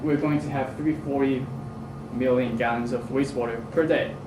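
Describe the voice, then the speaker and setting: A man's voice: medium pitch, fairly even intonation, moderate pace. A young man, giving a student presentation to a community group in a hesitant way, with many fillers and restarts. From Hong Kong. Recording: roomy, distant mic, noisy.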